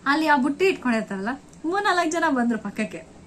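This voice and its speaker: High-voiced young woman telling a scary trip story. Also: fast, slight background noise, poor audio. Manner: excited, repeats words and restarts often. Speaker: vlogger. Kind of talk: emotional first-person storytelling.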